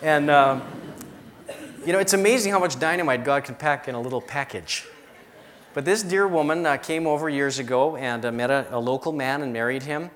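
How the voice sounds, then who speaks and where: A man's voice: on the high side, a little fast, fairly bright tone. A middle-aged man, a pastor from the United States, preaching a sermon and telling stories with emphatic repetition.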